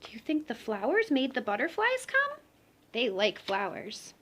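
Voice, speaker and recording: A woman with a high, slightly bright voice reads a children's picture book aloud with lots of expression, her pitch swinging widely at an unhurried pace. She addresses the young listeners directly, adding little asides as she goes.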